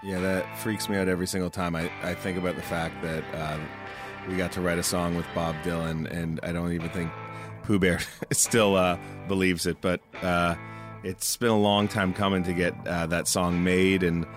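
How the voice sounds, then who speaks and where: A man who created the show, talking in a relaxed, rambling way in a casual interview. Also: low voice, normal speed, over music. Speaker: show creator and musical director.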